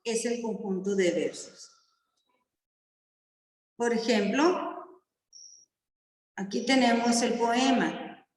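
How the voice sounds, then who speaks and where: A woman teaches a primary school class about poetry in a rather high voice, speaking slowly and deliberately. She patiently breaks up her explanations with short checking questions to the children, and the echoey classroom has a long trailing reverb.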